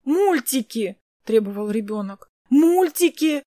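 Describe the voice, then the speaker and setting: A woman's voice: high-pitched, expressive, moderate pace, a little mellow, dry recording, studio quality. A woman reading an audiobook, voicing a stubborn, playful little girl with a childish, pouty way of talking. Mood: demanding.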